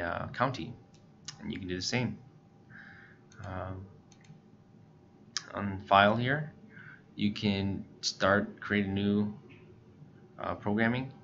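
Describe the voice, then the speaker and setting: A man presents a tutorial for a scanner retailer, voicing over a screen recording indoors as he walks through software. He talks casually and somewhat hesitantly, with frequent short pauses, in a low voice. The recording is muffled and lo-fi with clear background noise.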